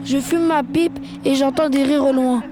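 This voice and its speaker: A woman voicing a grieving older man who stays calm through fear, in a slow first-person dramatic reading. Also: high-pitched, natural voice. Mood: somber. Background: background music.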